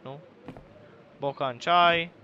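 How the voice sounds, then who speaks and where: A young man from Romania commentating a horror game he is playing, with crude jokes and sudden loud yells at the screen. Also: fairly high pitch, lo-fi sound, a little hiss or hum. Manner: crude joking banter, bursts into loud yelling at the game. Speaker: gaming YouTuber.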